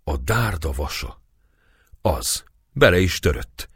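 A man's voice: extremely low pitch, big pitch swings, fairly bright tone, breathy edge, no room sound, clean studio sound, exaggerated voice. A man reading aloud and voicing a boastful, fussy parish priest.

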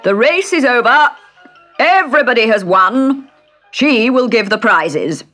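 A woman's voice: on the high side, animated, unhurried, pitched above the performer's own voice. A woman voicing a solemn, pompous male dodo bird in a storybook reading, with music behind her. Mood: proclaiming. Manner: loud and declaiming.

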